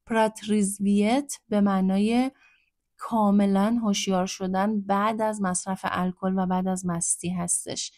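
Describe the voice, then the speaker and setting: A woman teaching a language lesson, explaining words patiently and repeating phrases slowly. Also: mid-range voice, a little mellow, no room sound, studio quality.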